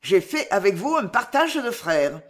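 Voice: medium pitch, big pitch swings, a bit bright. A reader voicing a cunning male fox from an old fable who mocks the fishmongers he has robbed and gives orders at home. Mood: mocking. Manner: taunting, brisk and triumphant. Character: cunning mocking male fox, boastful and unafraid.

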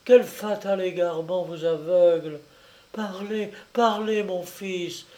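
A man voicing a dying, poisoned old mother, a duchess, crying out and pleading in a high, anguished voice. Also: steady tone, slow pace, dark tone.

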